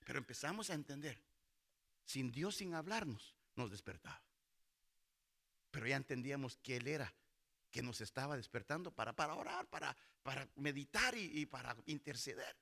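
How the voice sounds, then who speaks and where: A man's voice: mid-range voice, lively intonation, normal speed, gravelly, pushed and bright. A middle-aged male pastor preaching a sermon in a church hall, calling out to the congregation and acting out voices from Bible stories. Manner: preaching with call-and-response to the congregation.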